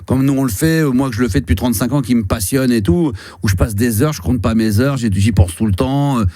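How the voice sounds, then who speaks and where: In a radio studio, a fifties-aged host chats loosely with a caller, his talk full of fillers and restarts. He speaks quickly in a warm, mid-range voice, and the recording is dry and studio quality.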